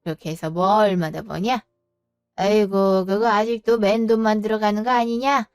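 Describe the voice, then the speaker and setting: A woman's voice: mid-range voice, steady tone, normal speed, a little mellow, clean tone, dry recording, clean studio sound, soft background music, lightly acted. A woman voicing a blunt, scolding older mother in an audio drama story. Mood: scornful. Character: sharp-tongued older mother-in-law.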